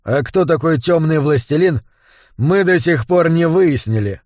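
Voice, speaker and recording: A man voicing a gruff, commanding male boss who lectures his agents sternly. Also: fairly high pitch, animated, unhurried, a little mellow, no room sound, studio quality. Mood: lecturing.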